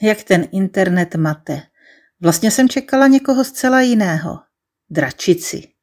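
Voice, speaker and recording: A woman's voice: mid-range voice, expressive, a little mellow. Woman reading a wry first-person story. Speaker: narrator.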